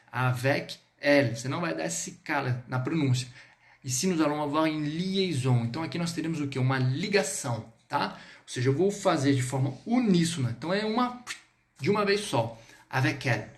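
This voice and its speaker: A man with a Brazilian Portuguese accent teaching a French lesson online, lively and spelling words out slowly. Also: fairly high pitch. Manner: lively, drills words slowly, switches between two languages.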